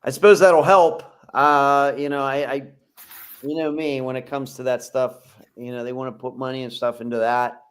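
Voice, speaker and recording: A man co-hosting a podcast in casual chat, rambling with plenty of "you know" and gently teasing his co-host. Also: medium pitch, little pitch movement, normal speed, clean tone.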